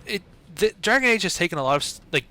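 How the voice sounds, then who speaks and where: Man, young adult, casual gameplay commentary, rambling, filler-heavy, bright tense voice. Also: high-pitched, big pitch swings, quick pace.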